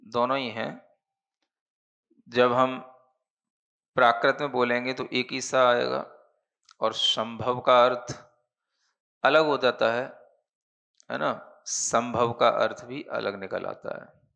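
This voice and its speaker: Explaining Prakrit grammar with patience, this Jain monk moves slowly and often confirms understanding with "है ना?". His mid-range voice is fairly even, pushed and bright with vocal fry, and the sound is lo-fi.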